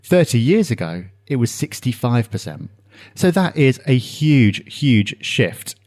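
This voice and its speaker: A man co-hosts a casual podcast, laying out data in an explanatory way. His voice sits at a middle pitch for a man. He talks it through with an occasional um. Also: very animated, a little slow, a little mellow. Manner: explanatory, citing figures with some filler ums. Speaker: podcast co-host.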